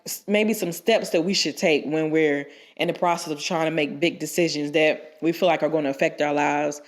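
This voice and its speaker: A young woman co-hosting a podcast, stuffed up with a cold, rambles through advice with plenty of restarts and fillers in a casual chat. Her voice is low, with a steady tone and a moderate pace.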